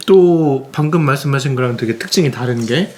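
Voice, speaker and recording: A man's voice: medium pitch, brisk, a crowd in the background. A man hosting a casual podcast discussion who keeps summing up what the others say and murmurs along while they talk. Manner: sums up others' points, frequent murmured backchannels.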